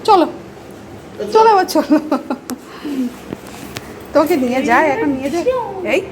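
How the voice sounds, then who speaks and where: Woman pet owner, Bengali accent, very high lively coaxing baby talk, home phone video with noisy background. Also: measured pace. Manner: high sing-song baby talk to the dog, lively and playful. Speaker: pet owner filming her dog. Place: apartment home, indoors.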